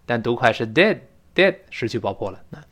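A male English teacher giving a spoken-English lesson, switching between chatty explanation and slow, stretched-out demonstrations of how words are pronounced. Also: mid-range voice. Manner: animated, drawn-out demonstrations of pronunciation; chatty, classroom storytelling tone.

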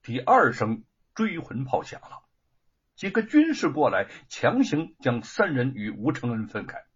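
A man narrating a historical story in a dramatic, expressive audiobook style. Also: medium pitch, measured pace, slightly rough. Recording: dull lo-fi recording.

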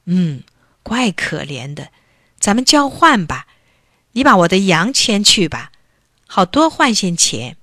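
A woman voicing a poor, kind-hearted male farmer who speaks in slow, sympathetic murmurs. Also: medium pitch, sing-song, pushed and bright, no echo, studio quality, exaggerated voice. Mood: kindly.

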